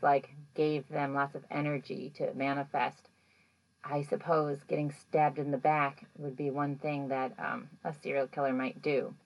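Low, gravelly-voiced chatty woman. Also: lo-fi sound. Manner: chatty, rambling, heavy use of "like" and "you know"; animated when acting out moments. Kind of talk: casual episode recap.

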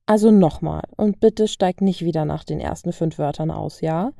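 A woman's voice: deep voice, normal speed, vocal fry, warm tone, dry recording, studio quality. A woman reading a story aloud, voicing a cool, superior female secret agent with a smug, teasing manner. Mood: teasing, insistent. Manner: smug, teasing, self-assured. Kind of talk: audiobook reading of fan fiction.

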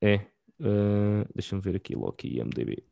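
Slangy man with European Portuguese accent, low-pitched. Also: lively intonation, moderate pace, vocal fry, dark tone, no room sound, clean studio sound. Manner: slangy, informal. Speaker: podcast co-host. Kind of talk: casual chat.

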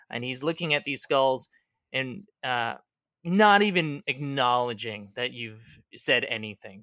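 A man's voice: medium pitch, pushed and bright, smooth, no echo, studio quality. A man narrating as game master of a tabletop game, rambling along with fillers and self-corrections.

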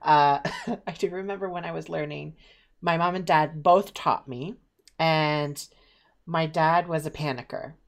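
A woman's voice: sits low, a little slow, gravelly. A young woman from Eastern Ontario, telling stories in casual chat, with lots of fillers. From Eastern Ontario, Canada. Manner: chatty, animated storytelling with many fillers.

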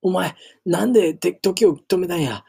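A man voicing a boisterous male elephant god from a storybook, loud and brash, speaking in Kansai dialect. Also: fairly high pitch, expressive, normal speed, voice pushed up, natural voice. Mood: pleading.

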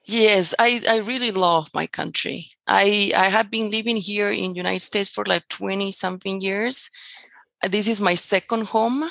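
A middle-aged woman from Peru talks in English with a Peruvian Spanish accent, her voice carrying a gravelly fry. She speaks enthusiastically with casual "like" fillers. The sound is dry, with little room tone. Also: medium pitch, fairly even intonation, measured pace, fairly bright tone, dry recording. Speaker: guest, tour company owner. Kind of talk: casual interview chat.

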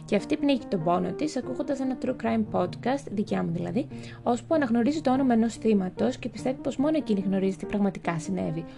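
Gravelly-voiced woman reviewing books. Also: on the high side, animated. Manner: chatty, wry asides, stumbles over English titles. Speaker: book vlogger. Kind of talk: casual book review narration. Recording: music playing behind the voice.

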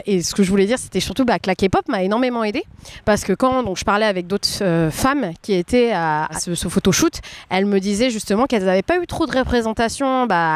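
A chatty woman of around thirty from France, talking as a guest in a relaxed interview. Her voice is smooth and clear, and the sound is dry and close with little room. She keeps going with fillers and quick restarts. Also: medium pitch, no room sound. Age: about 30. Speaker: guest entrepreneur. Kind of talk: casual interview chat.

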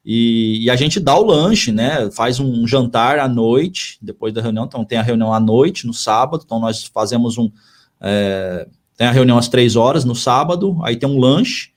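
A man's voice: medium pitch, animated, moderate pace. A man who is a missionary pastor, talking in a casual podcast conversation, earnest and given to repeating his phrases.

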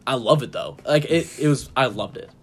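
Young man, husky voice, playful podcast co-host, casual banter. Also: medium pitch, fairly quick. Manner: jokey, laughs often, playful. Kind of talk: casual chat.

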